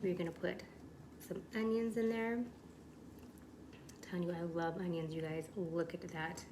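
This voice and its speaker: A woman's voice: on the low side, normal speed, very noisy. A woman hosting a casual home cooking show, chatting enthusiastically to her viewers as she demonstrates a recipe in her kitchen. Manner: chatty, enthusiastic, addresses viewers as "you guys".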